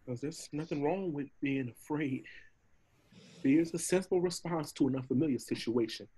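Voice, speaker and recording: A man voicing a talkative, cowardly donkey in a read of an animated film script, with a husky voice and a jittery, rambling, wheedling manner. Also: fairly high pitch, moderate pace, rough recording. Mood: nervous babbling.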